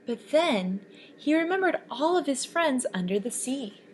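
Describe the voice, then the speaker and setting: Woman, high voice, very animated, children's story read-aloud, faint hiss. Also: measured pace. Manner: expressive, lively storybook voices. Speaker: children's book reader.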